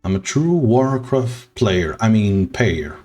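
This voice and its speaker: Guy streaming, real low voice, slow and sentimental, chill ramble, a bit of game music behind. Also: animated, mellow. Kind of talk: casual game stream chat.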